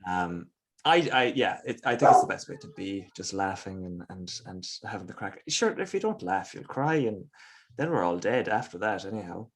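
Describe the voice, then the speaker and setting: A man's voice: low voice, expressive, moderate pace. A man from the west of Ireland with an Irish accent, chatting casually and playfully as an interview guest, with self-deprecating humour. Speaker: guest comedian.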